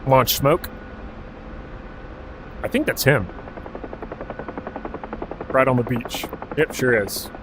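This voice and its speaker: A man's voice: mid-range voice, takes it slowly, pauses often, background noise. A man from Alaska streaming a game, casually chatting with viewers and calling out commands, with the odd swear word. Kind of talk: casual live-stream chat while playing.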